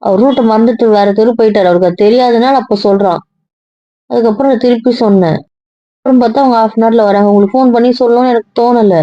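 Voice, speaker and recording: A woman's voice: a little high, fast talker, no room sound, lightly acted. A woman playing an upset young wife in an amateur audio drama, protesting and explaining herself at length. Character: hurt, defensive young wife. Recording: dry, dull lo-fi audio.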